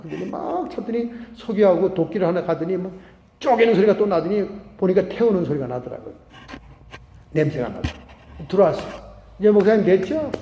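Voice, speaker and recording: A high-voiced middle-aged man preaching from the pulpit, his tone mellow rather than bright. He tells his story with animation and acts out the voices of the people in it. The sound rings through a large church hall with long reverb. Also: animated, brisk, creaky. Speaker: pastor. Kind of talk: sermon with storytelling. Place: church sanctuary.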